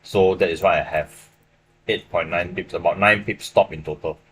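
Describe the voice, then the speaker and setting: A young Malaysian man speaks in Malaysian English with a very low, deep voice. He talks casually through trade setups on a live stream, checking in with his viewers often. A faint hum sits under the recording from his small room. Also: steady tone, moderate pace, fairly bright tone. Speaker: livestream forex trader. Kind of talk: live trading stream commentary.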